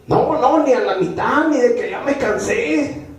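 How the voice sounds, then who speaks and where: A man's voice: very high voice, animated, unhurried. A man preaching a sermon as pastor, emphatic and driving his points home by repeating phrases. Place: church. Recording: echoey church room, mic far off.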